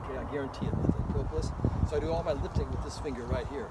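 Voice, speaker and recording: A man's voice: medium pitch, racing, heavy background noise. A man teaching a hands-on beekeeping demonstration at an outdoor apiary, giving practical instructions and often checking in with "okay?".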